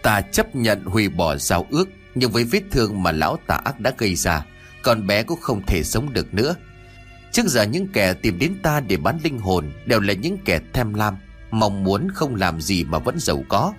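A man's voice: fairly low pitch, sing-song, moderate pace, soft background music. Man doing a solemn horned demon king.

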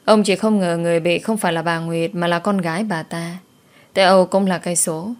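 A woman narrating a scripted story in a steady, measured way. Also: lowish voice.

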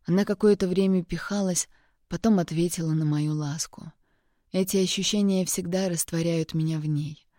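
A woman narrates a first-person romance with steady, measured delivery. Her voice is low and mellow, and the recording is dry and close to the mic. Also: no echo. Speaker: audiobook reader.

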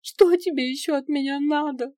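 A woman's voice: fairly high pitch, slow pace, a little mellow, dry recording, pitched above the performer's own voice. A woman reading the young teenage heroine of an audiobook, who snaps in resentful outbursts. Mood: angry, tearful. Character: young teen witch girl, sulky and hot-tempered.

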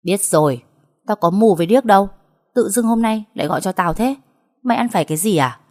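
A woman voicing a blunt, sharp-tongued older stepsister who scolds roughly on the phone. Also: on the low side, lively intonation, a little fast. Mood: scolding. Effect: heard over a phone call.

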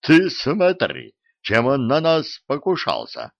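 A male narrator voicing a hulking, boastful giant who talks loudly and brags, in a dull, dry recording. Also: medium pitch, wildly swooping pitch, slow pace, vocal fry, no room sound, pitched above the performer's own voice, full character voice. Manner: loud, bragging. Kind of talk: audiobook character voice.

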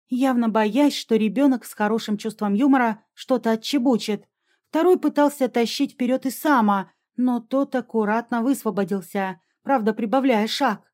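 Mellow-voiced woman reading a fantasy audiobook. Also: a little high. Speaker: audiobook narrator.

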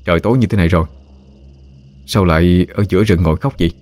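Young ghost hunter guy, firm and wary, deep voice, storyteller doing him. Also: fast, a little mellow, soft background music, natural voice. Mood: cautious. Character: young male exorcist, brave and wary.

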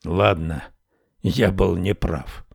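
A male audiobook narrator voicing a weary, brooding old king who speaks low and subdued with heavy sighs. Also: lively intonation, slow pace, dry recording, studio quality, full character voice. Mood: gloomy. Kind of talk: audiobook character voice.

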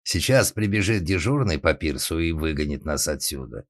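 A man voicing a gruff, crude old organ-grinder father with a wooden leg who grumbles bluntly. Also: rumbling low, animated, normal speed. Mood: grumbling.

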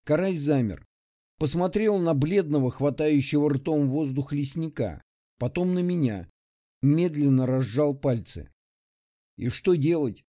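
A man narrates a first-person audiobook in a steady, measured way. His voice sits fairly high for a man. The tone is mellow and dark.

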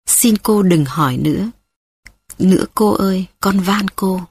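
A woman's voice: mid-range voice, measured pace, husky, no echo. A woman reading the part of a frightened little girl who begs and sobs, in an audiobook. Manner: begging, sobbing.

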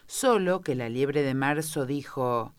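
A woman voicing a timid, flustered hatter in a storybook, pleading slowly. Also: rumbling low, lively intonation, clear, resonant tone, no echo, heavily acted. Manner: pleading, slow and stammering.

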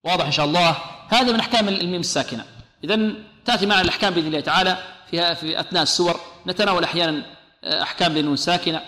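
A man teaching Quran recitation rules. He explains each rule, then chants the verse slowly for his students to repeat. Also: high-pitched, pushed and bright. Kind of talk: tajweed lesson with chanted recitation. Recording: echoey hall reverb.

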